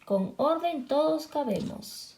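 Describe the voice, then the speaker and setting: A woman reading a picture book aloud to children, switching between two languages line by line and making lively sound effects. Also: sits high, slow, a little hiss or hum. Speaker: children's storyteller.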